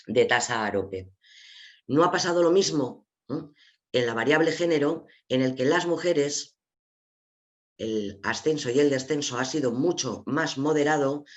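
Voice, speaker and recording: A man with an Asturian Spanish accent walks his viewers through charts in an online seminar, calm and explanatory. His voice sits at an ordinary middle pitch. The call audio comes through dull and lo-fi. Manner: explanatory, addresses viewers directly, sharing slides. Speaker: webinar presenter.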